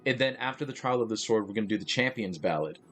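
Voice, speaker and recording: A man's voice: on the low side, expressive, fast, faint music behind. A man chatting casually while he streams a game live, rambling and losing his train of thought. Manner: rambling, with many fillers and restarts. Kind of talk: casual live gaming chat.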